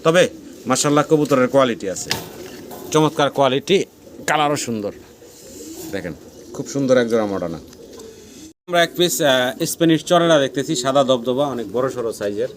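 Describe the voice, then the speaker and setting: A man with a Bangladeshi Bengali accent giving a fast sales tour of a pigeon farm, repeating prices and blessings as he shows each pair. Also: medium pitch, animated. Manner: rapid patter, repeats prices, frequent blessings. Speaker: pigeon seller channel host. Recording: noisy farm recording with pigeons. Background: pigeons cooing.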